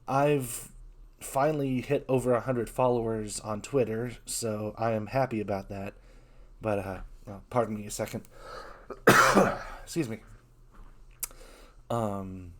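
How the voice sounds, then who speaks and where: A man talking openly in a casual vlog, his voice rough from being sick, earnest and halting, often restarting his sentences. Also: mid-range voice, a little mellow. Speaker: VTuber.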